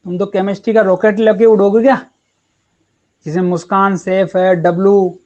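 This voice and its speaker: A man's voice: sits high, level tone, normal speed, darkish tone, muffled recording. A man teaching chemistry in a casual online class, chatty and encouraging with his students. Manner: chatty and encouraging, calls students beta and yaar.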